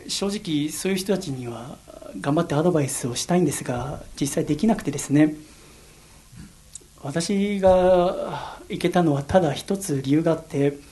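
A young man from Yokohama hosts a solo radio talk, speaking in a fairly high voice. He tells personal stories earnestly and reflectively. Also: dark tone. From Yokohama, Japan. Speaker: radio host.

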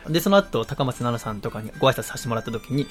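A man's voice: medium pitch, lively intonation, rapid-fire, faint music behind. A man in his twenties hosting a casual radio show, rambling through stories and laughing often. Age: 20s.

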